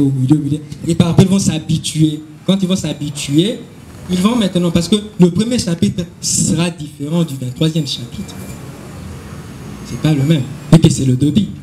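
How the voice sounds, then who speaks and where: At a school event, a man with a Congolese French accent answers questions in long explanations, hesitating often as he moves between Latin and French. His voice sits slightly high, and there is background noise.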